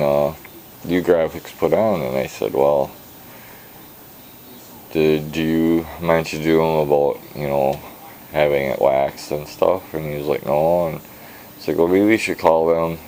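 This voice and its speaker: A man's voice: rumbling low, a little mellow, slight background noise, rough recording. A man in a casual vlog, rambling in a tired, mumbling way with his words trailing off. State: tired and worn out. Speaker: vlogger. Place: outdoors at a garage.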